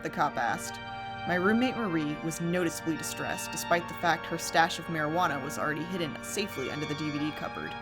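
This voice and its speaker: Low-voiced woman telling scary campfire stories. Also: fast talker. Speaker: host and narrator of a scary story channel. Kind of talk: campfire horror story narration. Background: music.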